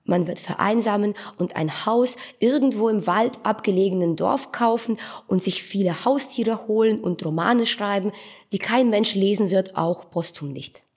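A woman reads a story aloud in a husky, breathy voice. Her telling is calm and close. It sounds like an audiobook reading. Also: medium pitch, moderate pace. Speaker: narrator.

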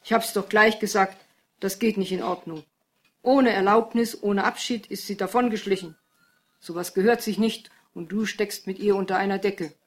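A woman reading aloud and voicing a gruff, domineering heavyset father who scolds loudly. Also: mid-range voice, normal speed, natural voice. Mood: shouting. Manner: loud, scolding and bossy.

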